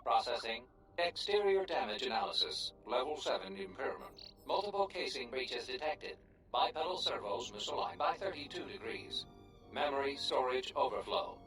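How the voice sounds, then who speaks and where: A man's voice: mid-range voice, animated, fairly bright tone, close to an everyday voice. Guy doing a rusty busted robot, polite but glitching out, voice jumps up and down a lot, kinda far off with music behind. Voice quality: halting, stiff, formal. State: malfunctioning, memory errors, broken casing. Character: damaged glitching male service droid, polite. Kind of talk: video game voice acting. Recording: distant game audio with clear music.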